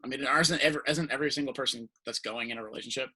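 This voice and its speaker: A man's voice: medium pitch, rapid-fire, sharp tone, breathy edge, rough recording. A young man hosting a podcast, talking in a casual, rambling way with lots of fillers and restarts. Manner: rambling, filler-heavy, laughs often. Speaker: podcast host. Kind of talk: casual chat.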